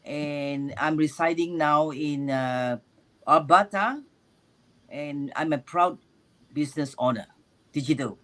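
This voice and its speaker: Halting older woman, very slow. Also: low-pitched. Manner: slow, halting with long fillers. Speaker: panelist.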